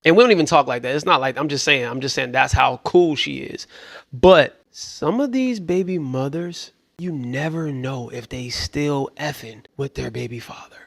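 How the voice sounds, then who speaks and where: A man's voice: medium pitch, moderate pace, gravelly, a bit bright, no room sound. A man hosting casual reaction commentary, loose and joking, sometimes dropping into mutters. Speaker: commentary host.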